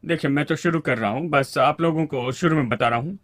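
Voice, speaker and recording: A man's voice: fairly high pitch, brisk, fairly bright tone, dry recording, clean studio sound. A man preaching a sermon to a congregation and calling for amens along the way.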